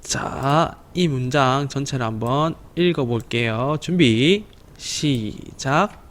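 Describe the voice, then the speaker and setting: A man teaching a slow, patient online English lesson to children, repeating words and pausing with fillers. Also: medium pitch, fairly bright tone.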